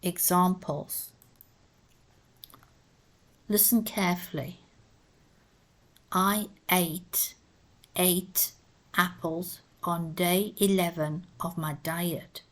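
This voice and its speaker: Woman teacher, very slow and measured, low-pitched voice, spells words out letter by letter. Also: fairly even intonation. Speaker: English teacher. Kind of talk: slow, careful pronunciation lesson.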